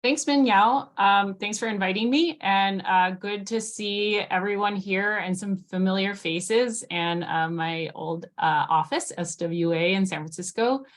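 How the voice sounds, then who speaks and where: A woman's voice: medium pitch, measured pace, few pauses. Woman from Hawaii giving a webinar talk. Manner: relaxed, frequent ums and uhs. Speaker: guest speaker. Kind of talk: webinar presentation. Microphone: video call.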